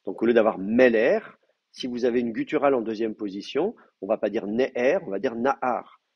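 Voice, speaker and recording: A man's voice: mid-range voice, slightly rough. A man teaching a language class, explaining step by step and thinking aloud, with frequent hesitations and fillers. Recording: muffled lo-fi class recording.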